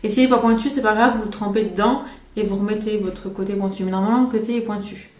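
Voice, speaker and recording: In a roomy room with faint music behind her, a makeup vlogger from France speaks fast in a steady, medium-pitched, slightly mellow voice. She's filming a casual tutorial on a tripod camera, chatty and self-deprecating, drifting into rambling asides.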